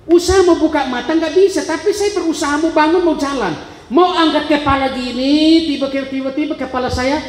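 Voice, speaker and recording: Male preacher, high register, dramatic testimony with acted-out voices, echoey church hall. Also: brisk. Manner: dramatic storytelling, acting out voices and gasps. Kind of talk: sermon testimony.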